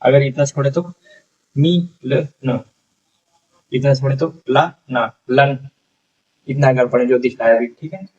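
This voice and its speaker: A man teaching a beginners' reading lesson, sounding out syllables slowly, repeating each word and often checking that the class follows. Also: mid-range voice, a little mellow, recorded from a distance, muffled recording.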